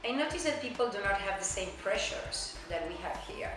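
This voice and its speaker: Speaking animatedly and fairly quickly at a medium pitch, this middle-aged immigrant from Argentina talks chattily in a relaxed oral history interview, peppering her speech with "you know." She has an Argentine Spanish accent as a native Spanish speaker, and the very echoey room has music in the background.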